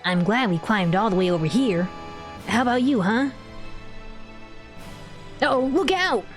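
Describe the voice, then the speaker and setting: A woman's voice: on the high side, expressive, unhurried, soft background music. A woman voicing a cheeky, nimble young adventurer in a fantasy game, casual and brash. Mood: amazed.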